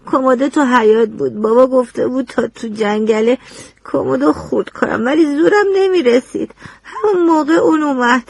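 An actress playing a frightened, rough young woman testifying in court, speaking haltingly and near tears. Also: high voice, darkish tone, no echo. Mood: tearful. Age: young adult. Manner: halting, tearful, sullen. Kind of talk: radio drama acting.

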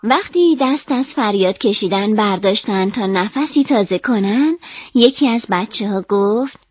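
A woman calmly and expressively reading a children's story aloud. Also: mid-range voice, dry recording.

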